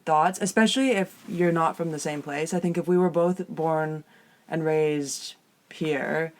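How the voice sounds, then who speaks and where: Slightly husky Canadian woman, small trailer interior. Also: low voice, unhurried, a little mellow. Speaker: podcast co-host. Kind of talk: casual conversational podcast chat. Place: inside a small caravan with soft furnishings.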